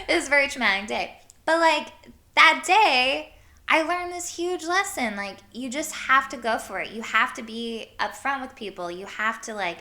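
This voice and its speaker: A woman from Iowa hosting her podcast, telling stories in a hyper, animated way with casual swearing. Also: sits high, normal speed. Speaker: podcast host. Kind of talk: casual storytelling monologue.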